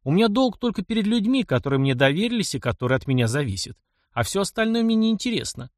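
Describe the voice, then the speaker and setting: A man's voice: high voice, very animated, fast talker, no room sound, studio quality, voice pushed up. A man voicing a practical young mechanic in an audiobook, blunt, wry and stubborn. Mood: firm. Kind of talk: audiobook character reading.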